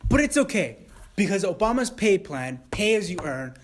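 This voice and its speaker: A man's voice: high voice, big pitch swings, moderate pace. A man anchoring a satirical newscast, reading scripted copy in a mock-serious newscaster manner with crude asides.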